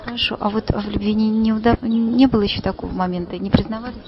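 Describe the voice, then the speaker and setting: A woman radio correspondent asking passers-by brisk, direct questions in a street interview. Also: mid-range voice, fairly even intonation. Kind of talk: street vox-pop interview. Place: city street outdoors. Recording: lo-fi street recording with crowd.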